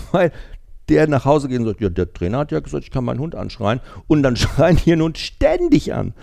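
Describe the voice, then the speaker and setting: Gravelly-voiced man, dark tone. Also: medium pitch, normal speed. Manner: lively, laughs while explaining. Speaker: podcast host. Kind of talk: casual podcast chat.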